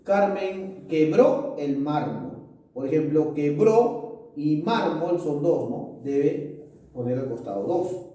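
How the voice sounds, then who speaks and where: A male teacher going through school exercises aloud, moving briskly through the answers and often checking in with the listener with quick tag questions. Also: a little high, animated, dark tone, recorded from a distance. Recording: echoey room, voice off-mic.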